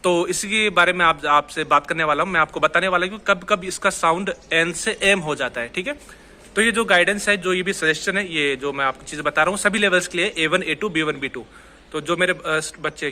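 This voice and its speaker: Brief: young male tutor, very bright tone, slightly high, patient and repetitive. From India. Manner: explains patiently, repeats words, asks "ठीक है?" often. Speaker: Spanish teacher. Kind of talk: casual online lesson.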